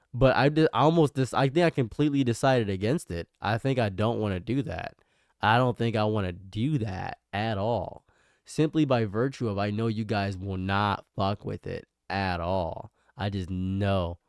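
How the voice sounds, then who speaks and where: A young man with a nasal voice chats casually with his live stream viewers, rambling and mocking himself. His pitch is medium and a little mellow, and the recording is dry with clean studio sound.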